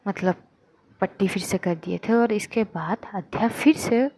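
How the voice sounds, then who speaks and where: A woman's voice: mid-range voice, unhurried, darkish tone. A woman narrating a story in a casual, chatty way. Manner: chatty, conversational retelling.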